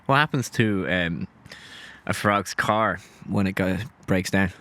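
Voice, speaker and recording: A man co-hosting a casual podcast, jokey and quick to laugh, swearing freely. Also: sits low, bright, forceful tone. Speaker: podcast co-host. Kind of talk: casual chat.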